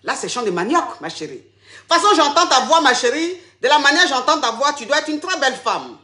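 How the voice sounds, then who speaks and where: Woman, comic coach, flamboyant, teasing, high voice, echoey room. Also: very animated, brisk, sharp tone. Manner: flamboyant, teasing, calls everyone darling. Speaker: comic agony-aunt coach. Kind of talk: comic phone-in advice sketch.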